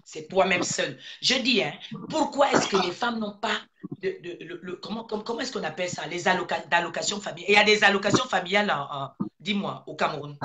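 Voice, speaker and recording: Une femme originaire du Gabon qui prononce un discours politique passionné, martèle ses phrases et enchaîne les questions rhétoriques. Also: female voice, fairly low pitch, brisk, pushed and bright, slight background noise. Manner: emphatic, repeats phrases, rhetorical questions. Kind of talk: impassioned political speech.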